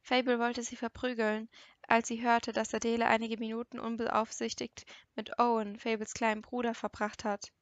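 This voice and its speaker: A shaken young man talks in a strained, urgent voice, as a woman reads him. Her voice sits somewhat high and the sound is close and dry, like an audiobook recording. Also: level tone, moderate pace, dry recording, dull audio, natural voice. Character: shaken young man, confessing a dark secret.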